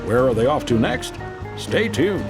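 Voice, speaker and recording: A man's voice: medium pitch, sing-song, unhurried. A man reading scripted documentary narration for a travel series. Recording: prominent music under narration.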